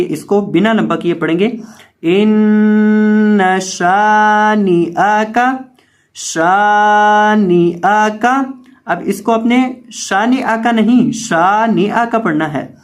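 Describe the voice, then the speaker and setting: A man teaching Quran pronunciation, spelling out letters and vowel marks and repeating each word several times for learners. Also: high voice. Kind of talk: tajweed pronunciation lesson.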